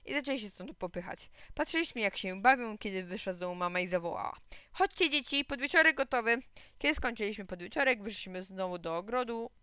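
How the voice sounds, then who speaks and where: A woman reads a children's story aloud with lively expression. Her voice is bright and crisp, and the recording is close and dry. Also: mid-range voice, fast, few pauses, no room sound. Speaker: reader.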